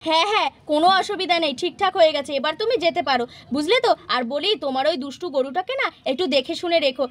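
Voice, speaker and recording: A stern village mother voiced by a woman in a toy-house puppet play who scolds and insists, repeating her points. The voice is very high and quick. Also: natural voice. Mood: satisfied.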